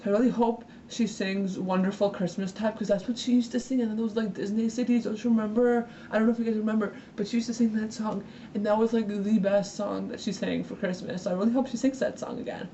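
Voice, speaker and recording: A woman in her twenties, a new YouTuber, chatting excitedly in a casual fan vlog and filling her talk with "like". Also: medium pitch, fast. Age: 20s. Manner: gushing, excitable, filler-heavy ("like"). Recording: dull, distant audio with faint hiss.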